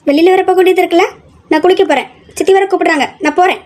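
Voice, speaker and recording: Brief: woman as a shy, evasive young wife, very high-pitched, nervous rambling. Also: steady tone, rapid-fire, darkish tone. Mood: flustered. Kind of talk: audio drama acting.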